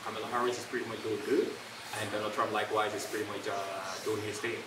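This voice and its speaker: A young man from Gambia, an entrepreneur answering interview questions in a fast, casual flow full of "uh" fillers and restarts. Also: on the low side, little pitch movement. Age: young adult. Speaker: guest, entrepreneur. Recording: roomy, distant, loud ambient noise.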